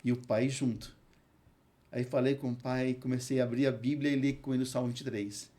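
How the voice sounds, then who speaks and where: A man with a Brazilian Portuguese accent, a hospital chaplain and pastor, tells an earnest testimony in an interview and recites scripture slowly. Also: mid-range voice, level tone, dark tone. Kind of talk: emotional testimony in a podcast interview.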